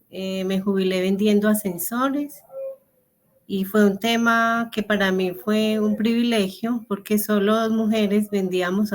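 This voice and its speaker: Older Paisa-accented Colombian woman. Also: medium pitch. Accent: Colombian Paisa (Antioquia). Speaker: interview guest. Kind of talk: podcast interview.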